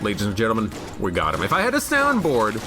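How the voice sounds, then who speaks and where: A man's voice: lowish voice, wildly swooping pitch, fast talker. A man streaming a video game, rambling jokily through casual commentary and reading chat aloud. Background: game music.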